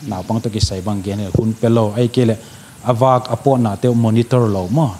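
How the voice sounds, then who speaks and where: A man speaks slowly and deliberately at a middle pitch, in a calm counsellor's manner. He explains things with care and drops in English terms. Faint noise hums behind him. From Manipur, India. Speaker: addiction counsellor. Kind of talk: discussion panel talk.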